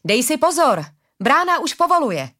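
Defiant young swordswoman, high urgent shouts, read by a woman. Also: very animated, full character voice. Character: young female warrior, defiant and desperate.

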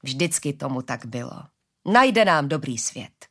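A woman voicing a kind, motherly old herder woman who speaks slowly and gently in a storybook reading. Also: big pitch swings, exaggerated voice. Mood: gentle. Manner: slow, gentle, low.

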